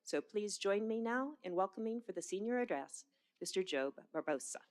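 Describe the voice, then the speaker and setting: A woman's voice: medium pitch, lively intonation, normal speed. A woman reading ceremony announcements as a commencement presenter, with small hesitations.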